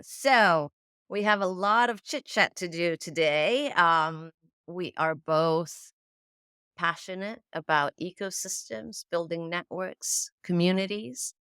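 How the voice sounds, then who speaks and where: A woman's voice: on the low side, measured pace, a bit bright, clear, resonant tone, dry recording, studio quality. A woman hosting a podcast, opening the episode with an upbeat, enthusiastic welcome and then questioning her guest. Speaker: podcast host. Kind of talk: podcast intro and interview.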